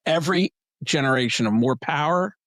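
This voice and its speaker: A man answering interview questions, emphatic and plain-spoken, his voice worn and going hoarse. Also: fairly quick, no room sound. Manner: emphatic, plain-spoken, animated pitch jumps. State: losing his voice. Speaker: PR agency head, guest.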